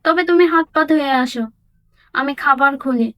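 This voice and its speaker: A woman's voice: sits high, normal speed, fairly bright tone, dry recording. A woman voicing a hardworking, worried village mother in a doll story drama. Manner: worried, emotional.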